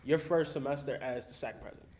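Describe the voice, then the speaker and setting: Fast-talking man hosting. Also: medium pitch, a little mellow. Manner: quick, easygoing, casual Southern phrasing. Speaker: host. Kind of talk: campus sports interview show.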